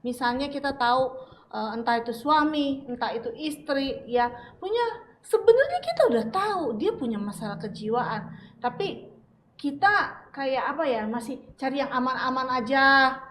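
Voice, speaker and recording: High-voiced chatty woman host. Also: lively intonation, normal speed, a bit bright, slight background noise. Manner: chatty, addresses the doctor often. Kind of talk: casual interview talk.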